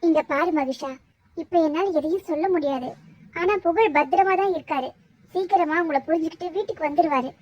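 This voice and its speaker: A woman voicing a shy, polite young village woman in a cartoon, speaking hesitantly and softly. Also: very high-pitched, a little fast, no echo, dull audio. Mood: firm. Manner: hesitant, soft-spoken. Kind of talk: cartoon voice acting.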